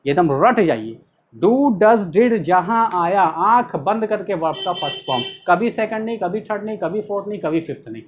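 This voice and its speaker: A man's voice: high-pitched, animated, fairly quick, hardly any pauses, muffled recording, a little hiss or hum. A man teaching a grammar lesson in a patient, repetitive way, asking questions and then answering them himself. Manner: patient, repetitive drilling of rules and examples. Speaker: English tutor. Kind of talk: classroom-style video lesson.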